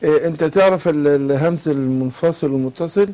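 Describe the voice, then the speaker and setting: A man's voice: fairly high pitch, fast, warm tone. A man with an Egyptian Arabic accent teaching tajweed on a call-in lesson, patiently asking his student to fill in the words. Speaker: Quran recitation teacher.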